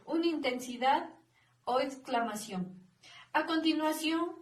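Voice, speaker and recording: A woman student giving a class presentation, reading slowly and deliberately with small slips. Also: high voice. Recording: echoey room.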